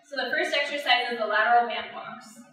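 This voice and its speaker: A woman's voice: fairly high pitch, fairly quick, pushed and bright, soft background music. A woman fitness instructor talking through and demonstrating workout exercises, recorded by a camera at a distance. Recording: echoey room from far off, noisy.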